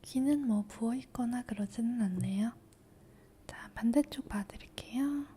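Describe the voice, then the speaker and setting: Woman whispering a doctor checkup asmr, super slow, soft and mellow, reassuring. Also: on the high side, a little hiss or hum. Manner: gentle, reassuring, patient.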